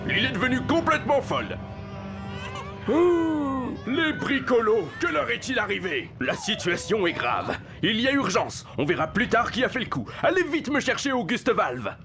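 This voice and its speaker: A shrill, excitable cartoon boss. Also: male voice, moderate pace, music in the background, full character voice. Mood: alarmed. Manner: excitable, urgent. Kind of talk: cartoon voice acting.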